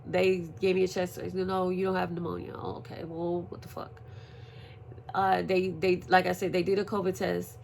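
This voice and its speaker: A woman recovering from surgery, telling a story in a profane, animated casual vlog. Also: fairly low pitch, moderate pace, creaky, slight background noise. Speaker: vlogger. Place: at home, indoors.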